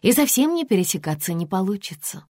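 A woman's voice: mid-range voice, sing-song, fairly quick, darkish tone, no room sound, studio quality, voice pushed up. A woman voicing a young woman who is wary and answers in a curt, cutting way. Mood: mocking.

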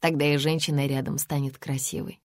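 A woman reading a wary, sharp-tongued young woman. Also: extremely low pitch, flat delivery, a little fast, dry recording, studio quality. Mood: mocking.

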